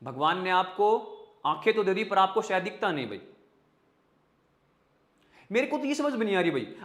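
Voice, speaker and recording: High-voiced joking male teacher. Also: fairly bright tone, echoey room. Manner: joking, chatty, with mnemonics and asides to viewers. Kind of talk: online vocabulary class.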